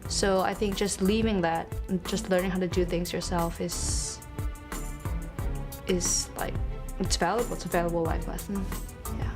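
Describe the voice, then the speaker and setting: A woman's voice: lowish voice, level tone, moderate pace, pauses often, over music. A young woman from Singapore, a student, speaking thoughtfully in an interview testimonial.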